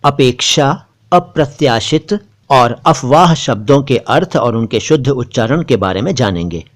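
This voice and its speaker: A man's voice: medium pitch, expressive. A man from India, hosting a vocabulary lesson and carefully repeating each word for pronunciation. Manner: recites couplets slowly and repeats words for pronunciation. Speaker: language teacher and channel host.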